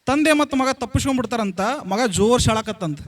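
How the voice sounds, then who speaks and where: A man with a markedly high voice and a North Karnataka accent gives a blessing address at a school celebration. He tells a homely parable, repeats his key lines and keeps asking the audience questions. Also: lively intonation, fairly quick. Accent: North Karnataka Kannada. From Karnataka, India. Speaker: religious leader giving a blessing address. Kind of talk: storytelling speech to a school gathering.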